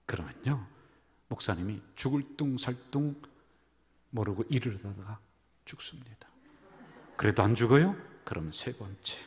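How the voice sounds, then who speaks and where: A man, the senior pastor, preaching a sermon full of jokes and stories, swinging from loud calls down to near whispers. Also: on the low side, expressive, normal speed, pauses often. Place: church sanctuary. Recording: church hall reverb.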